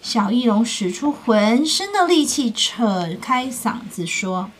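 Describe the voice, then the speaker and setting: A woman with a fairly high voice reads a picture book aloud to children. She tells the story expressively and stops now and then to ask her listeners questions. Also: sing-song, slow.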